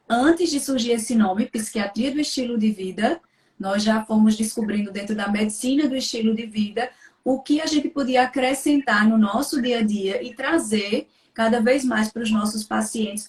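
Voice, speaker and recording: A woman psychiatrist hosting a live stream conversation, talking in a chatty way and often checking in with tag questions. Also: a little high. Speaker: psychiatrist, host. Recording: roomy echo.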